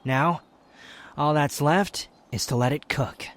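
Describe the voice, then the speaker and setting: A man's voice: on the high side, slow, fairly bright tone. A man playing a proud, prickly young wanderer who hides his affection, curt and scornful, in a scripted ASMR roleplay spoken to the listener. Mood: bossy, instructive. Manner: haughty, curt, scornful, defensive.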